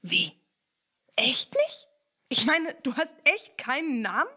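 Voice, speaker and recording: A woman voicing an excitable young male mouse, loud and blunt. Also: medium pitch, brisk, husky. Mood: excited.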